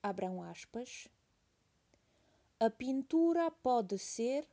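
A woman's voice: on the high side, animated, very slow, dark tone. A woman teacher reading a text aloud as a dictation, saying each phrase twice and calling out the punctuation.

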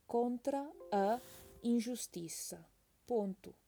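A woman's voice: a little high, slow, gravelly, warm tone. A woman teacher reading a text aloud as a dictation, saying each phrase twice and calling out the punctuation.

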